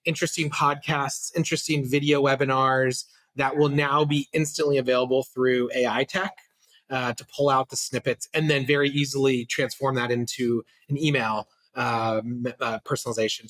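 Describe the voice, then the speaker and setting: A man's voice: medium pitch, little pitch movement, moderate pace, a bit bright. A middle-aged man, a company CEO, speaking casually as a guest on a business podcast, with frequent fillers and restarts.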